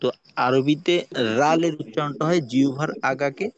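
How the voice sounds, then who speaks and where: A man teaching Quran reading in an online class, spelling out Arabic letters one by one and repeating each sound slowly for his students. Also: fairly high pitch, fairly even intonation, dull audio.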